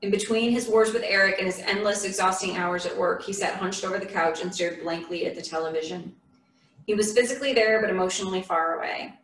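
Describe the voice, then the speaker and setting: A woman's voice: mid-range voice, steady tone, fairly quick, fairly bright tone. Woman reading a memoir in a church. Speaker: memoir reader. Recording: echoey room from a distant mic.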